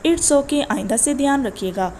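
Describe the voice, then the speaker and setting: A woman's voice: high-pitched, lively intonation, darkish tone, slight background noise. A woman voicing an aloof young man who speaks curtly in an audiobook. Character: aloof, cold young man, band musician.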